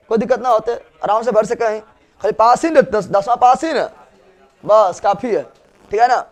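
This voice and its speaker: High-voiced teacher. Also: male voice. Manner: loud chanting call-and-response with the class. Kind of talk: classroom mnemonic drilling. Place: classroom with students.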